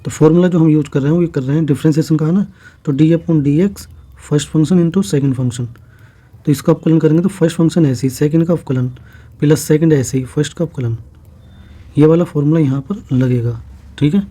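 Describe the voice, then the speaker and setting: Male maths tutor, very warm and mellow tone, pitched a bit high; methodical, step-by-step delivery. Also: fast, husky. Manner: steady step-by-step explaining with frequent "theek hai" checks. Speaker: maths teacher. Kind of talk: exam-prep maths lesson.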